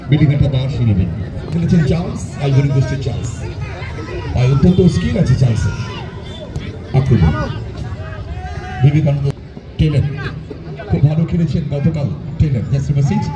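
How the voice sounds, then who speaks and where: A man calls a football match live in a frantic, exclamatory way. His voice is fairly high, and he works outdoors over a very loud crowd. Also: animated, fairly quick, long pauses. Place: outdoors at a local football ground. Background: loud crowd, outdoor urban noise.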